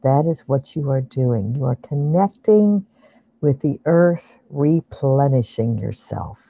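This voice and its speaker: Very mellow, slow, hushed meditation guide. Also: mid-range voice, animated, vocal fry, breathy edge, dry recording, muffled recording. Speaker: relaxation guide leading an online session. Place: online video call with screen sharing.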